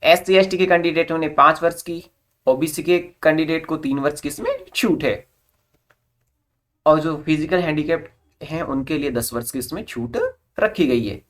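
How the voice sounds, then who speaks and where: In this informational explainer, a job recruitment updates presenter with a mid-range voice speaks at a moderate pace. The approach is instructional: formal notice language is read out and then translated into everyday wording.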